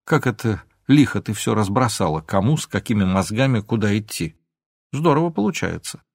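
A man's voice: lowish voice, very animated, fairly quick, vocal fry, darkish tone, dry recording, exaggerated voice. A man reading an audiobook, voicing a cold, irritable philologist who speaks with dry sarcasm. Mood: sarcastic.

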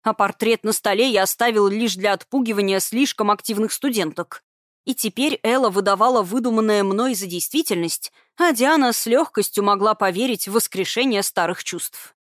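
A female audiobook narrator reads a scripted first-person story in a steady, even storytelling manner. Her medium-pitched voice moves at a moderate pace, captured in a dry, studio-quality recording.

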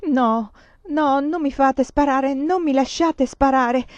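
A woman voicing a timid, frightened young countess, higher and pleading, in a dull, dry recording. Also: slow pace, no echo. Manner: pleading, fearful.

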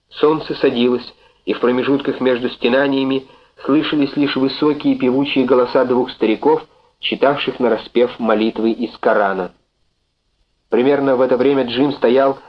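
Man, audiobook narrator, measured literary reading, mid pitch, muffled lo-fi sound.

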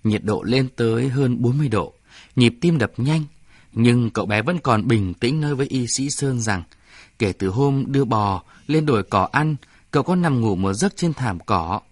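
A man's voice: medium pitch, animated, moderate pace, no echo. Man narrating a story, dry sound.

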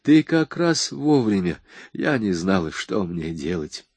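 A man reading an audiobook voices a frightened, bitter young woman with a sharp, mocking tone. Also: deep voice, very animated, measured pace, slightly rough, no echo, full character voice. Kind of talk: audiobook dialogue.

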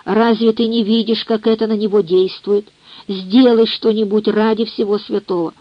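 Woman doing anxious young son, urgent, coaxing, husky voice, dry recording. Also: mid-range voice, fairly even intonation, normal speed, dry recording, dull audio, close to an everyday voice.

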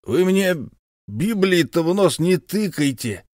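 A man's voice: sits high, very animated, darkish tone, no echo, pitched above the performer's own voice, exaggerated voice. A blustering, tipsy nobleman with a hot temper speaks in a raised, pushy voice, as a male narrator puts him on. The audiobook recording is dry and close, with no room sound. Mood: angry. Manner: blustering, quick to anger.

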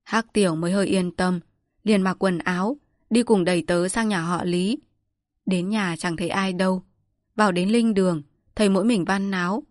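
A woman narrating a story in a steady scripted reading, raising her voice for the characters' lines. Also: medium pitch, normal speed, dry recording, studio quality. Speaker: audiobook narrator.

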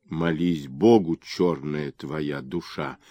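A man voicing a coarse, brutal peasant executioner who speaks roughly and gruffly. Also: medium pitch, wildly swooping pitch, slow, a little mellow, dry recording, pitched above the performer's own voice, full character voice. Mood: hoarse menace.

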